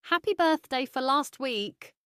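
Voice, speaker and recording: A woman with a British accent playing a friendly young office worker in a slow, carefully spoken practice dialogue. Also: sits high, expressive, bright, forceful tone, dry recording, studio quality, full character voice.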